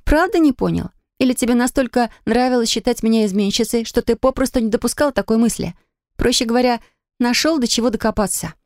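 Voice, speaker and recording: A woman's voice: fairly high pitch, a little fast, a little mellow, no room sound, clean studio sound, voice pushed up, natural voice. A woman voicing a hurt, defiant young pregnant wife who talks in a bitter, reproachful way.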